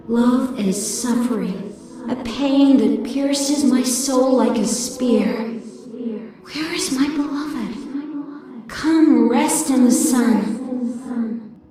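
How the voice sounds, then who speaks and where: A young ghost bride from a fantasy game, drenched in echo. She speaks slowly and dreamily in a high voice, mournful and lovesick, with music behind her. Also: dark tone. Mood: wistful longing. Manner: slow, dreamy, plaintive ghost bride delivery. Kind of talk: video game voice acting. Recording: heavily echoing voice over music.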